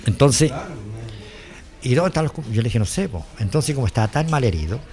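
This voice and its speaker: A rapid-fire older man with a Chilean accent recounts his past in a rambling interview. He talks fast, loops back on himself, and acts out what others said to him in an even, mid-pitched voice. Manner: rambling, repeats "le dije yo", quotes others. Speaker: interviewee, former driver. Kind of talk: emotional personal testimony.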